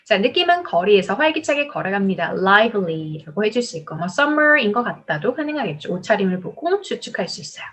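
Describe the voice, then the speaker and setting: A Korean woman teaching a spoken English exam-prep lesson. She explains in Korean and reads English model sentences slowly and clearly. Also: medium pitch, slight background noise. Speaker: English test tutor.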